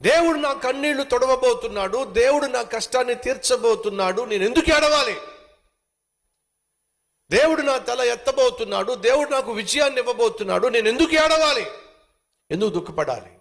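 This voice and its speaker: Man acting as a bitter childless woman, high gravelly voice, reproachful questions, sermon retelling. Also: steady tone, normal speed, in a large hall. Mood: hopeful.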